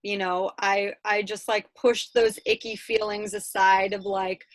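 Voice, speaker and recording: A woman in her thirties from Chicago telling her life story in a relaxed, chatty way, with frequent ums and little laughs. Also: mid-range voice, measured pace, no echo. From Chicago, United States. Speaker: guest speaker. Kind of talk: casual personal storytelling.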